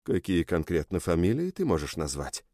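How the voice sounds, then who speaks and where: Man doing a stern interrogating commander, low warm voice, dry sound. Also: very animated, normal speed, dry recording.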